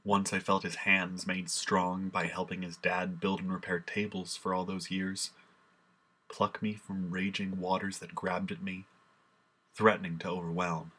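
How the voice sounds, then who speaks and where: A man's voice: low-pitched, level tone, a little slow, sharp tone, slightly rough, exaggerated voice. A man playing Simon Peter, grieving apostle. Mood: sorrowful. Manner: solemn, impassioned recitation. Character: grieving apostle, adult man, remorseful and ashamed. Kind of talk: dramatic first-person monologue.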